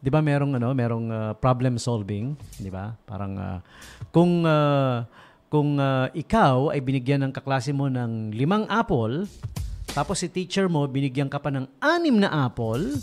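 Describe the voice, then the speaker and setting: Joking Filipino radio DJ, lively voice. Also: male voice, medium pitch, unhurried, faint music behind. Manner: joking, chuckles at his own puns. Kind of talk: casual radio chat. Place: radio studio.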